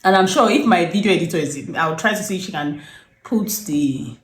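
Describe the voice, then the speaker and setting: A woman, a herbalist, telling stories calmly with a lot of "you know". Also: fairly low pitch, fairly quick, slight background noise. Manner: calm, rambling storyteller with frequent "you know". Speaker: herbalist and nutritionist. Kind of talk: storytelling in an interview. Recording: echoey room.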